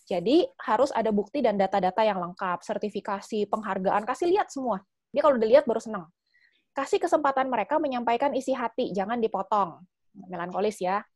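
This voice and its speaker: Casual woman presenter, fairly high voice, dry close sound. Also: no echo. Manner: lively, animated, chatty with fillers. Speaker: personality talk presenter. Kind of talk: casual teaching talk.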